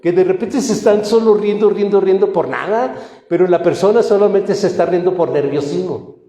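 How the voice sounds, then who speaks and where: A male pastor, preaching a sermon in a conversational, animated way, full of rhetorical questions. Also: sits high, a little fast. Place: church hall. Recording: echoey hall with long reverb.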